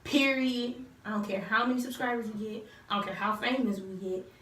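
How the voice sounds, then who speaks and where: A woman's voice: on the high side, a little fast, a bit bright. An eighteen-year-old woman casually telling viewers her love story, chatty and full of fillers, acting out what others said. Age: teens. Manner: chatty, lots of fillers, acts out quotes. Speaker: vlogger telling a couple's story. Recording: roomy echo, distant mic, faint noise.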